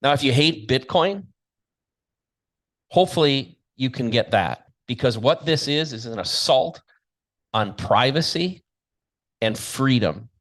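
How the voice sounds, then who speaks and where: A man's voice: mid-range voice, lively intonation, unhurried, long pauses, a bit bright. Emphatic man delivering an opinionated monologue. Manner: emphatic, combative, blunt, rhetorical questions. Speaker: show host and commentator.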